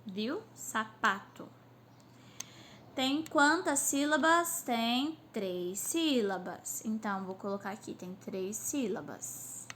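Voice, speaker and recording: A woman teacher gives a recorded class lesson to children, sounding out words slowly syllable by syllable, recorded on a phone on a stand. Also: on the high side, expressive, fairly bright tone, a little hiss or hum. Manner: slow syllable-by-syllable drilling.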